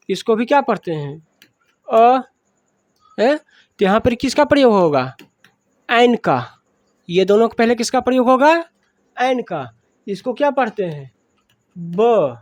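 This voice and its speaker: A woman's voice: on the high side, dry recording, studio quality. A woman with a Bihari accent teaching a grammar lesson, asking questions and answering them herself, repeating each point.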